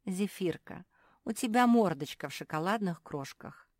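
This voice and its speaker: A woman's voice: on the low side, expressive, normal speed, darkish tone, dry recording, studio quality, pitched above the performer's own voice. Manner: prim. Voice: woman doing a proper, reproachful dog.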